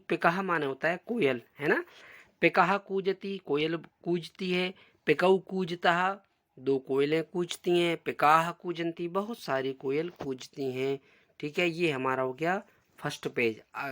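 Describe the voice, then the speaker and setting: Slow, patient male teacher, higher voice. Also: fairly bright tone. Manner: slow, deliberate reading of example sentences, then explaining. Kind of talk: classroom lesson explaining a textbook.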